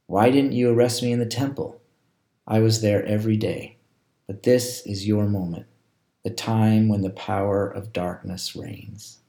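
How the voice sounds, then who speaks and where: A man reading aloud the lines of a calm, solemn grown man facing arrest. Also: lowish voice, measured pace. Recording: roomy echo.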